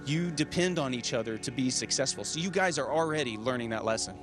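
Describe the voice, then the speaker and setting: A man speaking as an astronaut in an informal educational question-and-answer, earnest and explanatory, with halting repeats. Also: mid-range voice, expressive, over music. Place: inside a space station.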